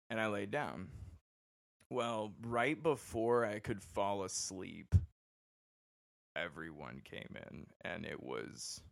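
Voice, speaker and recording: A young man casually telling a personal story on a podcast, animated and quick to act out the people he quotes. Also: gravelly, smooth. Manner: animated, acts out quoted voices with big pitch jumps. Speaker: podcast host.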